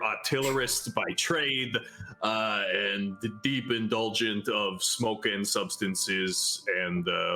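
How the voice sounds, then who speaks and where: A man's voice: on the low side, pushed and bright, rough recording. A man chatting as a player in a tabletop game, joking, laughing often and rambling on. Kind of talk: casual tabletop game chat.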